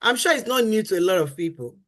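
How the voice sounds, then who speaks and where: Her medium-pitched, slightly bright voice comes fast and animated as she, a middle-aged woman, teaches about marriage on a faith-based talk show. She's earnest and emphatic, repeating key phrases and acting out what husbands and wives say.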